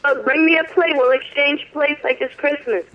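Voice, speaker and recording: A man's voice: very high voice, normal speed. A man calling in by phone to a radio show, chatting in a laid-back way and laughing easily. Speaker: caller, recording artist. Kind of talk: casual call-in chat. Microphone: phone call. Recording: muffled phone line.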